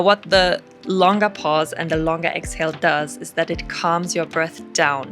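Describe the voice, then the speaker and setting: A woman with a fairly low voice presents practical coaching to camera. She speaks in a clear, direct and deliberate way, leaning on key phrases. Faint music plays behind her. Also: a bit bright. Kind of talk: instructional talk to camera.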